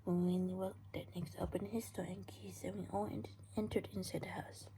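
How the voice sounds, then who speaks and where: A woman reading her own story aloud in a hushed, breathy half-whisper, often stumbling and restarting lines. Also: fairly low pitch, level tone, normal speed, a little hiss or hum, rough recording.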